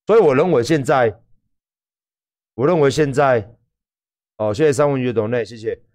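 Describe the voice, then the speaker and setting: Loud, foul-mouthed Taiwanese man. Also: medium pitch, moderate pace. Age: 40s. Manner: loud, profane, animated. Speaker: livestream host. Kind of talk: livestream rant to viewers.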